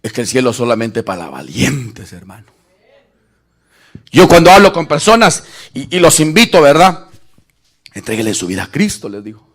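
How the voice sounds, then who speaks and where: A man preaching an animated sermon, shouting at peaks and acting out Bible scenes in voices. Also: medium pitch, normal speed, pauses often. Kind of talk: lively Spanish-language sermon.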